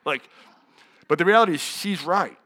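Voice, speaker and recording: A man's voice: sits high, moderate pace, pushed and bright. A young adult man preaching a sermon in a candid, conversational way, full of asides and rhetorical questions.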